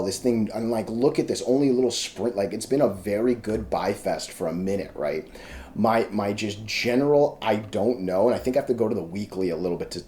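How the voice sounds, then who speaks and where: With a fairly low, dark voice, a man casually talks through stock charts on a screen share. He rambles, keeps cutting himself off and restarting, tosses out salty slang, and has the hiccups.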